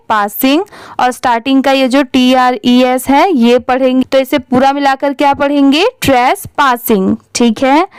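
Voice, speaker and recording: A woman's voice: high voice, clear, resonant tone, dry recording. A woman teaching English reading, spelling words out letter by letter and patiently asking how each is read. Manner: patient, repeats "what will we read it as?" questions. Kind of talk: Hindi-language phonics lesson, spelling words letter by letter.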